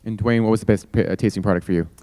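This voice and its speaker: A man with a low voice hosts a live judging panel. His sound is clean and dry, and he steers with questions to the panelists. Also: fairly even intonation, rapid-fire, warm tone, no echo. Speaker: host moderating a judging panel. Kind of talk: panel moderation at a live event.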